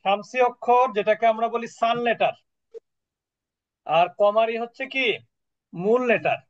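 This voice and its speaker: A man's voice: high-pitched, unhurried, no room sound. A man teaching an Arabic class online, patiently quizzing his students as he explains. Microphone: video call. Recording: dull lo-fi dry call audio.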